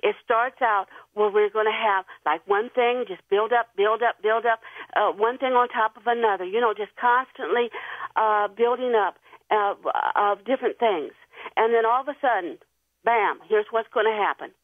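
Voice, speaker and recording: A woman calls in to a radio show over the phone, and the line sounds tinny and dry. Her voice sits a little high, and she talks in an earnest, nervous, rambling way. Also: normal speed, no room sound. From Tennessee. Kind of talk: call-in radio chat.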